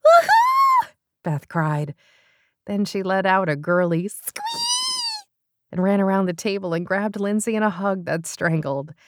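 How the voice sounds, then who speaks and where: A woman narrating an audiobook in an expressive, smooth storytelling manner. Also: mid-range voice, fairly quick, hardly any pauses, dry recording.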